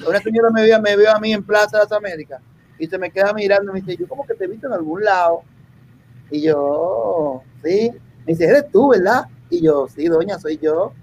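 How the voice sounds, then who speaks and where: A man's voice: high-pitched, normal speed, lo-fi sound, a little hiss or hum. A man telling jokes on a podcast, acting out the voices of the people in his stories. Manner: animated storyteller acting out quotes. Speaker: comedian.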